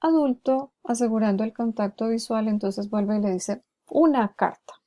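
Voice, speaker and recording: A woman lecturing on therapy strategies, explaining each one and slowing down to model words clearly. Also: fairly high pitch, warm tone. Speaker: lecturer on hearing-impaired therapy. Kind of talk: recorded lecture with acted examples.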